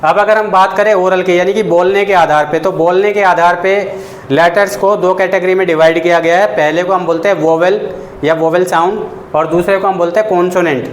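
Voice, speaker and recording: A man's voice: high voice, steady tone, brisk. A man teaching a basic English lesson to students. He talks patiently, repeats his points and asks the class questions. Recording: echoey room with faint noise.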